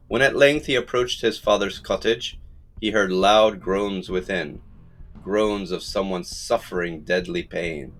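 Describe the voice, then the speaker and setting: A man narrating a folktale audiobook in a measured storytelling manner. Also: sits low. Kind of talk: scripted narration.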